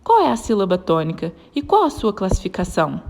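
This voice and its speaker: A woman narrating a grammar lesson as a teacher, sounding out example words slowly and clearly. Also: medium pitch, very animated, darkish tone, slight background noise. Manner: clear, slow stretched syllables when sounding out example words.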